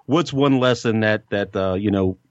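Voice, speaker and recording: Low-voiced West Virginia host, mild country accent. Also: male voice, normal speed, no echo. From West Virginia Panhandle, USA. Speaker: talk show co-host. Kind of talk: casual, joking chat. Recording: slightly dull, lo-fi sound.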